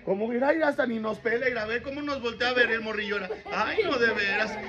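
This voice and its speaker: Very high-voiced teasing Mexican clown man. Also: quick pace, lo-fi sound. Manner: teasing, joking, often shouting to the crowd. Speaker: party clown entertainer. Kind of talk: comic clown routine at a birthday party.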